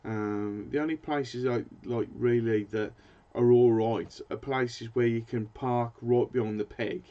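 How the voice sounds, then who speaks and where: A man's voice: mid-range voice, fairly even intonation, measured pace, warm tone. A British man hosting a fishing channel, chatting casually in a live stream and rambling as he hunts for words. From Britain. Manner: rambling, hesitant, searches for words. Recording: dull lo-fi sound.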